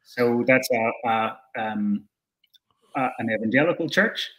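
This interview guest is a young Scot on a video call from an indoor room at home. He has a mid-range, fairly bright voice and speaks a little slowly. His answers are thoughtful yet halting, with many fillers and restarts.

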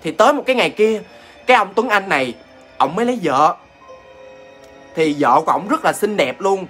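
A man's voice: high-pitched, very animated, fairly quick, a bit bright, soft background music. A man with a Southern Vietnamese accent telling a ghost story in a chatty, casual way, often addressing listeners directly.

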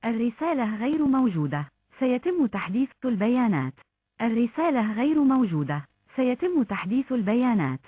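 A woman's voice: fairly high pitch, big pitch swings, fairly quick, warm tone, no room sound. A woman's recorded voicemail system prompt, played back over a phone line in a formal, evenly paced announcer delivery. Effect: automated voicemail system prompt over the phone. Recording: dull lo-fi phone audio, dry.

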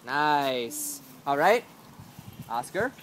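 A man's voice: a little high, very animated, extremely slow, background noise. A man casually hosting a children's game outdoors, encouraging and calling on children by name. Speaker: contest host. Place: outdoors in a shady yard with animal pens. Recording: outdoor phone video with children chattering.

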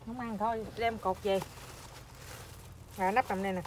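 A mother films a casual family vlog at home, talking to her toddler in a chatty, coaxing and playful way. Her voice is medium-pitched and steady at a normal speed, with clear background noise in the recording.

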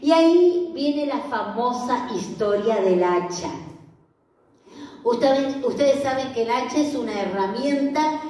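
A woman's voice: high-pitched, expressive, measured pace, dark tone, distant mic. Argentine woman preaching in an echoey room. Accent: Rioplatense Spanish. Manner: conversational, asks the audience questions. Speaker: pastor. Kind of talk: sermon.

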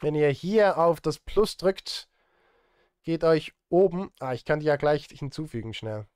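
A Swiss man in his thirties, a film composer and live streamer, chats casually on stream at his indoor desk while he works, rambling and muttering self-deprecatingly. His voice is fairly high, a little mellow and smooth, with a measured pace. The sound is clean studio quality with no room sound.

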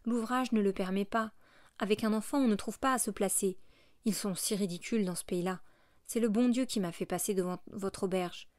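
A woman's voice: mid-range voice, brisk, a little mellow, no room sound, clean studio sound, lightly acted. A woman reading aloud as a poor young mother, earnest and pleading.

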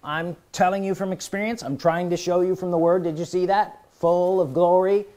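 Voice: mid-range voice, normal speed. A preacher delivering a sermon, often stopping to ask the congregation questions. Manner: animated, calls out questions to the congregation.

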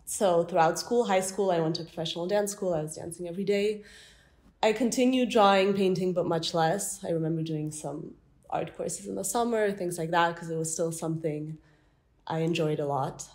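Young woman, from France, low voice, relaxed storytelling, gallery interview. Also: moderate pace. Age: young adult. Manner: relaxed storytelling with light laughs. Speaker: artist guest. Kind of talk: interview answers. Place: art gallery, indoors.

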